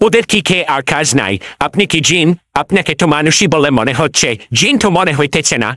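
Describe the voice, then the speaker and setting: Cheeky, bright-voiced Mullah Nasruddin, played by a man. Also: a little high, lively intonation, a little fast, no room sound, studio quality. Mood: wary, joking. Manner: wheedling, boastful, playful. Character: cheeky, self-assured male folk trickster mullah.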